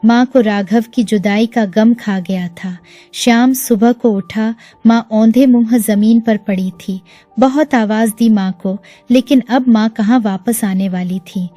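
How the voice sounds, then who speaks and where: A woman storyteller reading a scripted, emotional family story at a steady pace. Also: mid-range voice. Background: faint music.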